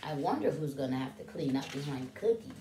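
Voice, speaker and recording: With an extremely low pitch and a brisk delivery, this woman in her thirties reads a story to young children, animated and full of questions, stretching out important words. The recording carries a roomy indoor echo.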